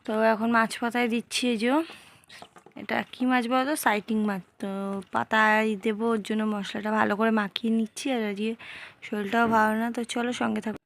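A woman in a casual cooking vlog, talking softly and slowly in a tired, hoarse voice because she feels unwell. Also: on the high side, little pitch movement. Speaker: cooking vlogger. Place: home kitchen.

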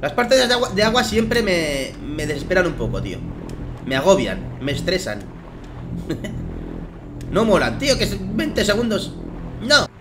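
Excitable Spanish gamer man, swearing. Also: sits high, normal speed, pauses often, noisy background. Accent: Spain Spanish. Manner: excitable, swears and laughs at enemies. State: slightly hoarse from just waking. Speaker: gaming commentator. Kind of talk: let's play commentary. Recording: game music behind.

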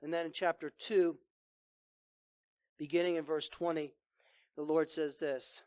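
A man preaching a sermon as pastor, reading scripture and then driving his points home in earnest, with emphatic rises and hushed drops. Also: a little high, flat delivery, measured pace, no echo.

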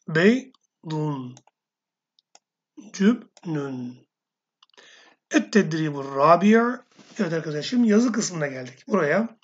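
Slow, husky woman teaching vocabulary. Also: lowish voice, darkish tone. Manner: slow, reads a word then repeats it or gives its meaning. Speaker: Arabic teacher. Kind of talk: recorded language lesson reading vocabulary. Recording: dull lo-fi sound.

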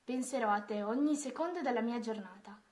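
A woman voicing a gentle, loving father in a storybook, softly and tenderly. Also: on the high side, a little fast, close to an everyday voice.

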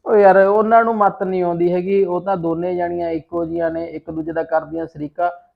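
A man's voice: high voice, little pitch movement, brisk, creaky. A man as a lecturing village husband. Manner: lecturing, scornful tone. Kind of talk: amateur short-film acting. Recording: dull lo-fi sound.

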